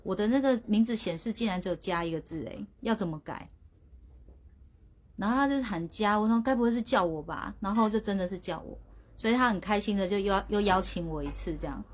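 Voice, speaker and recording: A woman's voice: mid-range voice, brisk. A woman hosting a casual livestream from her phone, chatty and sheepish, often restarting her words. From Taiwan. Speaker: livestream host.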